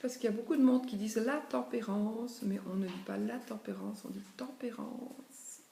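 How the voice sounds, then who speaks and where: A woman's voice: on the high side, quick pace, vocal fry, dark tone. Woman, chatty tarot reader, thinking aloud, roomy echo, faint background noise. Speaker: tarot reader presenting a deck. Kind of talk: casual chat while showing cards. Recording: echoey room with faint noise.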